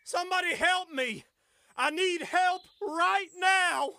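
An actor playing a wounded adult man, desperate and angry, who groans in pain, swears and shouts for help. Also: very high-pitched, slow pace, no room sound, full character voice. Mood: shouting. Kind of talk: audio drama acting.

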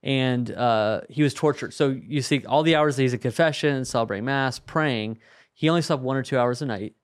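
A man co-hosting a podcast, telling stories in a casual, animated way. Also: medium pitch, fairly quick. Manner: animated storyteller, chuckles through anecdotes. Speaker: podcast co-host.

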